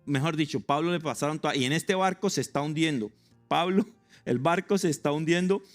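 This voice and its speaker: A man with a Colombian accent, preaching a sermon in a lively, joking way and acting out stories. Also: a little high, a little fast, soft background music. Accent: Colombian Spanish. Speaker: pastor.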